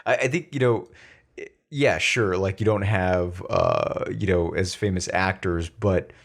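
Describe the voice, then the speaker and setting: A man co-hosting a casual podcast, talking in a halting, thoughtful way full of fillers. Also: low-pitched, vocal fry. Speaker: podcast co-host.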